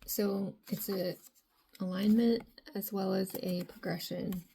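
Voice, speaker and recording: A woman with a raspy, mellow voice talks through a tarot reading for her viewers. She keeps a narrow, even pitch and wanders from thought to thought with lots of filler. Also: slow pace, a little hiss or hum. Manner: rambling, frequent filler phrases. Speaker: tarot reader.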